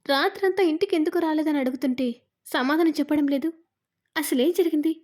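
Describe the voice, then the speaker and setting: A woman's voice: sits high, fairly quick, darkish tone, close to an everyday voice. A woman voicing an elderly grandmother who asks anxious questions, in a retold serial. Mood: worried.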